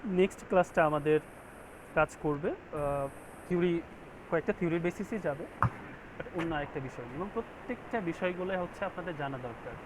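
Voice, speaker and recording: A man's voice: on the high side, a little fast, noisy background. A man teaching a graphic design class online, explaining step by step and often checking that his students follow. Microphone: video call.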